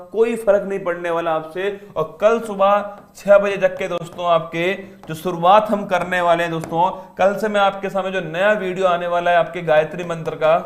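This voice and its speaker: A male exam-prep teacher closing an online class, coaxing and motivating his students like friends. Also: high-pitched.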